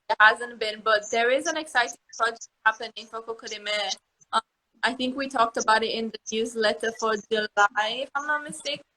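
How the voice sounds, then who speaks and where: An upbeat woman with a bright, tense-edged voice hosts a live stream, reading questions from viewers. She keeps the session moving and her voice sits fairly high. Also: low-quality recording. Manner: upbeat, moves things along. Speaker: live Q&A host.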